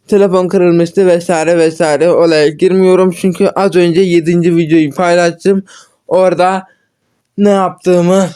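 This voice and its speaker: A man's voice: high-pitched, mellow. A man hosting a gaming channel, giving chatty, casual gameplay commentary and correcting himself often as he talks to viewers. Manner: chatty, self-correcting, addresses viewers as friends. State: frustrated after repeated mistakes.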